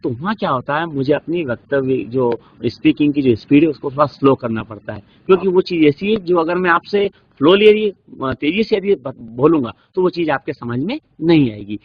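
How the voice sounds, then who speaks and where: A man with an Indian accent giving a classroom lecture, explaining slowly with many examples and rhetorical questions. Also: a little high, lively intonation, husky. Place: classroom studio. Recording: dull lo-fi recording.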